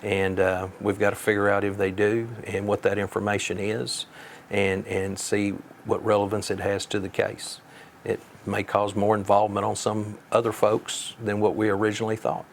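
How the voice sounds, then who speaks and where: Male law officer interviewee, measured and folksy, flat delivery, faint noise on the recording. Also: fairly low pitch, gravelly. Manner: plain-spoken, folksy. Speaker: sheriff being interviewed.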